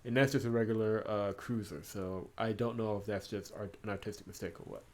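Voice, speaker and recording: A gaming video host with a fairly low, slightly mellow voice speaks briskly and fairly evenly. He gives casual commentary while playing through a game and reads visual novel dialogue aloud.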